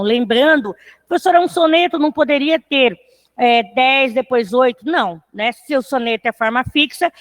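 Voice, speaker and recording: A woman's voice: sits high, fairly bright tone. A woman teaching a literature class online, counting syllables aloud and checking in with her students after nearly every phrase. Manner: talks to students, with a tag question after most phrases.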